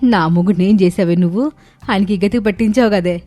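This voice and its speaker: A woman voicing a scheming, loud, accusing middle-aged village mother-in-law. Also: medium pitch, fairly quick, soft background music, close to an everyday voice.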